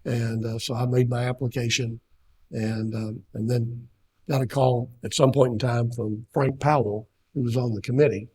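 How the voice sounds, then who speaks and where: A man's voice: mid-range voice, steady tone, moderate pace, darkish tone, slightly rough. An older man from Kentucky giving a seminar talk, telling a rambling personal story full of fillers and restarts. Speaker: seminar speaker. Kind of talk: anecdotal talk.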